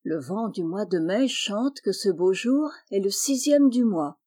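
A woman reading a children's story aloud, gentle and lilting, lifting her voice for the animal characters. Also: mid-range voice, expressive, a little slow. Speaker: audiobook reader.

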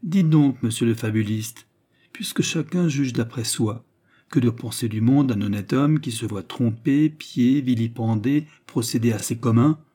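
A man's voice: mid-range voice, a little slow, dark tone, slightly rough. A man reading a teasing skeptical student. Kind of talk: audiobook character reading.

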